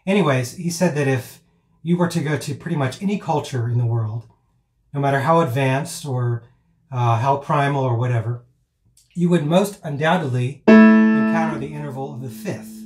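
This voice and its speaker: A man's voice: mid-range voice, normal speed, a little mellow. A man teaching piano in a loose, rambling way, with many fillers and restarts, now and then chanting counts aloud. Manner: chants counts and rhythm words aloud as demonstrations. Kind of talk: informal teaching talk. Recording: roomy echo.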